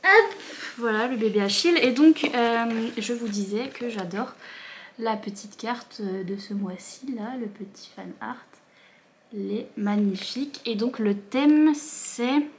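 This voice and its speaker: A young woman with a fairly high voice chatters through a casual unboxing vlog at home, bubbly and gushing. Her excitement comes in quick bursts, and a faint hiss sits under the recording. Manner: talks to her dog in a higher voice. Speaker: book vlogger.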